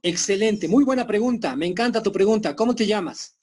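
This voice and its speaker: Husky Bolivian man lecturing firmly. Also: high-pitched, lively intonation, darkish tone. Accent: Bolivian Spanish. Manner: firm, lecturing, acts out quick dialogues. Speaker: teacher. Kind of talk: online class lecture. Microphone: video call.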